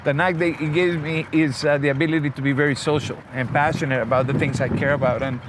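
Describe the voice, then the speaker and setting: A man's voice: on the high side, fairly even intonation, quick pace, background noise. Talkative man from Costa Rica. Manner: friendly, talkative, many restarts. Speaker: guest. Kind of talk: conversational interview. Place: outdoors in a vehicle. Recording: music playing behind.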